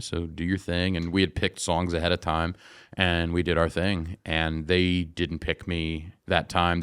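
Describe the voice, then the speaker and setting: A singer and musician, appearing as an interview guest, tells stories in a relaxed, conversational way. His voice is deep and clean, captured in a dry recording with clean studio sound.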